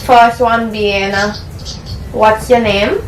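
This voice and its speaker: Speaking slowly at a medium pitch, this young Vincentian woman chats easily with a guest she's interviewing on a casual call, putting her questions simply. She's at work in an echoey room, distant from the microphone, with a crowd and other voices audible behind her. She comes from Saint Vincent and the Grenadines and is a young adult.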